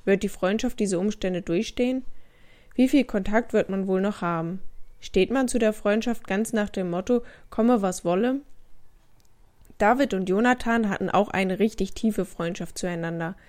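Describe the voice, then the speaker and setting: A woman's voice: mid-range voice, moderate pace, a little mellow. A woman giving a scripted Bible devotional, asking the listener questions directly. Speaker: devotional speaker.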